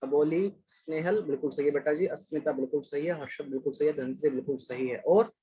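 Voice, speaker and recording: Husky-voiced male teacher, patient. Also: a little high, steady tone, quick pace, warm tone, low-quality recording. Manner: patient, praises students by name. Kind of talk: online class lesson.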